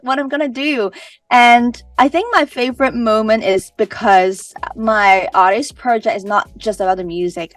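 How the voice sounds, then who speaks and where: A woman's voice: medium pitch, a bit bright, dry recording, recorded from a distance. A young woman from Hong Kong with a Hong Kong accent, Cantonese her first language, answering interview questions casually and often restarting her sentences. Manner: chatty, with many "like" fillers and restarts. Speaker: singer-songwriter guest.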